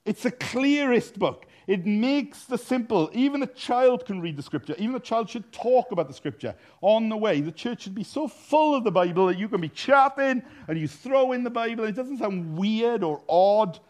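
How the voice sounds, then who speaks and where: A male minister preaching a sermon in a blunt, animated way, teasing his congregation and breaking into sudden loud bursts. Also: sits high, normal speed, few pauses.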